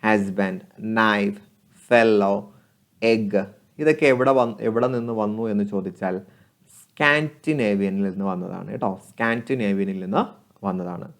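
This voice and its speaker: A male coaching teacher works through exam questions in a measured, patient way. He reads each English question slowly, then explains it plainly, repeating the answer with a friendly tag. His voice sits close to the mic as a voice-over. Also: lowish voice. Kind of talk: exam question walkthrough lesson.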